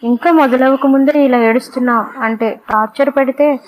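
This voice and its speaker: An arrogant, cruel young college man from an audio storybook, as a woman storyteller puts him on. He talks in a taunting, mocking way, in a fairly high voice. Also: fairly even intonation, moderate pace, natural voice, rough recording.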